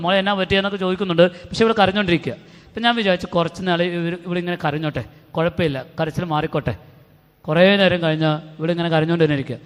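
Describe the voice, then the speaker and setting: A middle-aged man from Kerala with a Malayali accent, giving an animated retreat talk to youth and acting out the people in his stories. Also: fairly high pitch. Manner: animated storytelling with acted quotes. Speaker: retreat preacher. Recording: long hall reverb.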